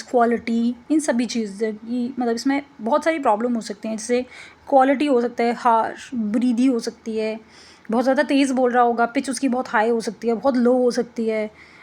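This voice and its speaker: A woman's voice: fairly high pitch, normal speed, a little mellow. A woman teaching an exam-prep lesson, explaining slides casually and often checking in with "ठीक है". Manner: casual explanatory, mixes English terms, frequent "ठीक है" check-ins.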